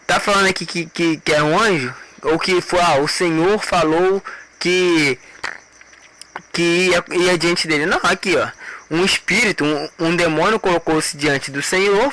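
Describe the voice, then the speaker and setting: A man's voice: high voice, sharp tone, slight background noise, low-quality recording. A man preaching an informal sermon, retelling scripture in everyday speech and repeating words for emphasis.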